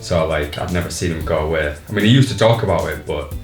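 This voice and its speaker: A man's voice: very deep voice, quick pace. A man talking about an old friend in a thoughtful, hesitant way, with many "like"s, in a documentary interview. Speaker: childhood friend. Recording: roomy sound with background music.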